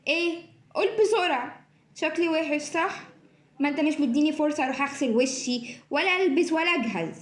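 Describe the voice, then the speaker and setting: A woman's voice: sits high, fairly quick, close to an everyday voice. A woman acting as a chatty, clingy talking Christmas tree in a children's play. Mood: chatty, pestering. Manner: chattering, pestering, giggly. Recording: echoey room.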